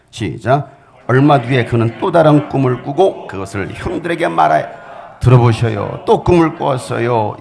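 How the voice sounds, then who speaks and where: A male pastor preaching a sermon at a church service, animated and speaking straight to the congregation. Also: medium pitch, gravelly, a little hiss or hum.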